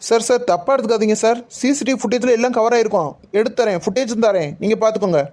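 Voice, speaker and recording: A woman's voice: a little high, racing, a little mellow, natural voice. A woman voicing a defensive mall manager who apologizes in a hurry. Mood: hurried.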